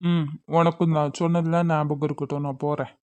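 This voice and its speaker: A woman voicing a gentle, caring young man in an amateur cartoon, speaking calmly and with reserve. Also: low-pitched, fairly quick, no echo, lightly acted. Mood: reserved.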